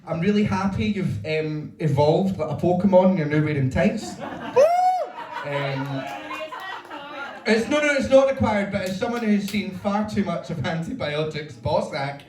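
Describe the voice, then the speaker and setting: Scottish guy judge, blunt n jokey, swears a lot, high voice, echoey room off mic. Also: very animated, unhurried. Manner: blunt, joking, sweary judging. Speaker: judge at a drag competition. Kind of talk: spoken stage critique. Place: roomy live venue with audience. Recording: echoey live venue, distant mic.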